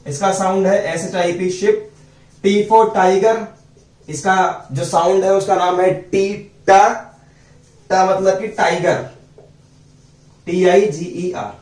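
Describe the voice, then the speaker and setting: A man teaching phonics, slowly drilling letter sounds and quizzing his students. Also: high voice, darkish tone. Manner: slow, repeats sounds and asks students questions. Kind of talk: phonics lesson. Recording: echoey room, voice from a distance.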